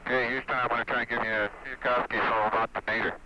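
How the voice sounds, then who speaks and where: A man's voice: medium pitch, level tone, rapid-fire. Field: space radio. Sex: man. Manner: cheerful astronaut. Sound: crackly lo-fi link with beeps, static. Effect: crackly space-to-ground radio with beeps. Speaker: astronaut calling mission control. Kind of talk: air-to-ground radio exchange.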